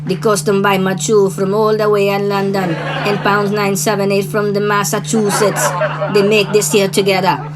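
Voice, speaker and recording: A man plays a blundering toy reviewer who keeps swapping badly faked accents. The voice sits higher than his own, and a loud music bed runs under every line. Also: completely flat delivery, normal speed, over a noisy crowd, natural voice. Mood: boastful. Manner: mangled fake Jamaican then Spanish-sprinkled accent. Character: clumsy male toy reviewer faking accents.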